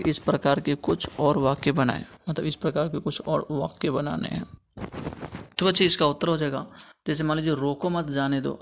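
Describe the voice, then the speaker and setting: Male teacher, gravelly voice, fairly high pitch, explains a textbook lesson to children, earnest and moralizing, faint noise behind. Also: a bit bright. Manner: addresses pupils as children, repeats "okay" as a filler; moralizing, earnest advice to students. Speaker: school teacher.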